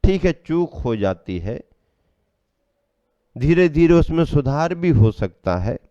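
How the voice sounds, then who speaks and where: A man giving a sermon as a Jain monk, preaching slowly and measuredly, asking rhetorical questions and answering them himself. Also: a little high, very animated, dark tone, no room sound, muffled recording.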